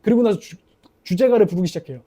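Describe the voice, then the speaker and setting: A man preaching a sermon as a pastor, telling a story in an animated way. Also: sits high, racing.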